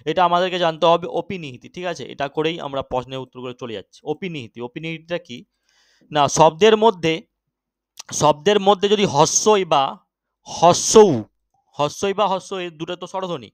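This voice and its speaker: Man teacher, fairly high crisp voice, exam-prep lesson, keeps asking if it's clear, dry sound. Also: no echo. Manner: keeps checking understanding, urges quick answers.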